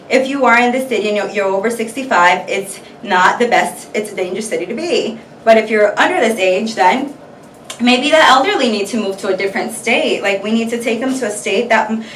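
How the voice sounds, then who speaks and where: A woman's voice: a little high, fairly bright tone, slight background noise. A woman chatting casually to her viewers in a rambling vlog, full of fillers. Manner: chatty, scattered, many fillers. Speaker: vlogger. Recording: echoey room, mic far off.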